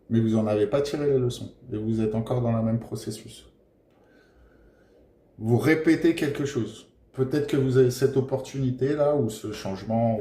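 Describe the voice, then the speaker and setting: Mellow, hesitant male tarot reader. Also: medium pitch. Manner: hesitant, full of filler pauses; gentle and encouraging toward viewers. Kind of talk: casual tarot guidance monologue. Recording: roomy echoey room.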